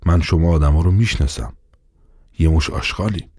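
A man's voice: deep voice, dark tone, husky, dry recording, clean studio sound. A man voicing a pompous, bullying police inspector in an audiobook, blustering and commanding. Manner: blustering, commanding, quick to turn. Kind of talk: audiobook character voice.

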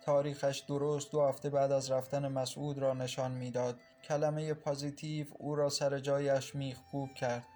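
A man narrating an audiobook in a measured, sorrowful reading. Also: medium pitch, flat delivery, dark tone, faint music behind.

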